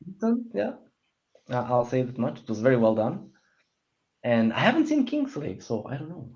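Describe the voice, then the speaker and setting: This man's medium-pitched, darkish voice swoops wildly in pitch at a normal speed as he joins a casual panel chat about opinions on a film discussion show. He stammers, rambles and restarts sentences frequently, and the lo-fi recording is muffled and dull.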